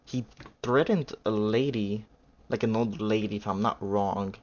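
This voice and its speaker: A man's voice: on the low side, a little slow, a little mellow, lo-fi sound. A man reacting to a video in casual, rambling talk, full of fillers and second-guessing himself. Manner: rambling, unsure, full of fillers and self-corrections. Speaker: reaction streamer.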